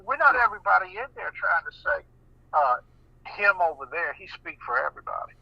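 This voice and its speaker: A man with an American accent talking casually on a radio show, animated and often repeating words as he restarts. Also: high-pitched, fairly quick, creaky, dry recording. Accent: American English. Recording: muffled radio broadcast.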